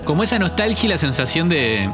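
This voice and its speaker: A man's voice: on the high side, very animated, fast talker. Dude geeking out about a record, keeps tripping over his words, music playing under him. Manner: stammering restarts, enthusiastic. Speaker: podcast co-host. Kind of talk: casual music review chat.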